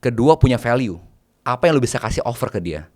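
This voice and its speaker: A man's voice: medium pitch, lively intonation, quick pace, darkish tone. A man, a private banker, chatting casually as an interview guest, mixing in English phrases and laying out numbered tips.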